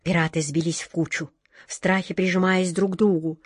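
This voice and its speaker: Woman reading a kids' storybook, dramatic and lively, dry close sound. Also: fairly low pitch, brisk, husky, no echo. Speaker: narrator.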